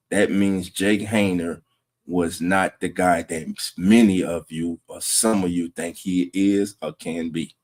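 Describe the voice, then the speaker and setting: Slow-talking low-voiced man hosting a fan stream. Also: mellow. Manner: laid-back, chuckling, greets viewers by name. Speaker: host of a fan sports livestream. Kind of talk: casual livestream talk, reading chat. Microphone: streaming setup.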